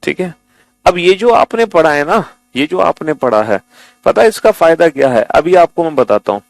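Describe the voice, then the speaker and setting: A man's voice: on the high side, lively intonation, normal speed, vocal fry, rough recording. A man teaching a class, coaxing his students to read aloud, repeating himself often. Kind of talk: classroom lesson.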